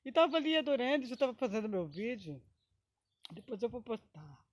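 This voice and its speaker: A woman's voice: on the high side, very animated, brisk. A woman giving an emotional personal testimony, rambling, often adding tag questions and breaking into short praise exclamations.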